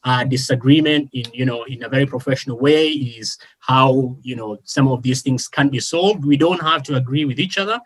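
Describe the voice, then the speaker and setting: A man from Kenya talks as a panelist in a policy discussion. His delivery is earnest and measured, broken by frequent fillers and self-corrections. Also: mid-range voice.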